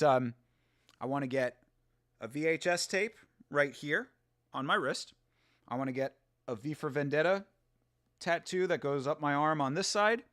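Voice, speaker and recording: In clean, echo-free studio audio, a man with a mid-range, fairly bright voice hosts a laid-back live watch-along. He rambles, swears, laughs a lot, and responds to viewer comments.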